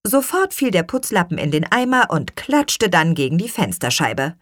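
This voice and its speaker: A woman reading a children's audiobook in an expressive, unhurried way. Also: fairly low pitch, no echo, clean studio sound. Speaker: audiobook reader. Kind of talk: scripted children's story narration.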